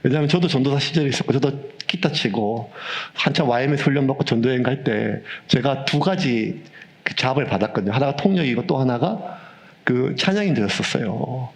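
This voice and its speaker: A man in his fifties, a pastor preaching a sermon with humorous, animated storytelling. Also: mid-range voice, fairly quick. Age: 50s.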